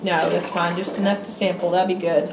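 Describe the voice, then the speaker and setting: Her voice lowish and fairly flat in pitch, a middle-aged woman talks a little fast while hosting a casual cooking demo at home. She's chatty and upbeat, her instructions loose, and heavy background noise fills the echoey kitchen, heard from a far camera with dishes clattering.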